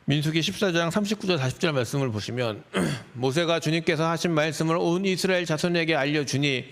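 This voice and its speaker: A male pastor preaching a sermon in a church, expressive and acting out the voices of the people in his story. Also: a little high, fairly quick. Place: church sanctuary.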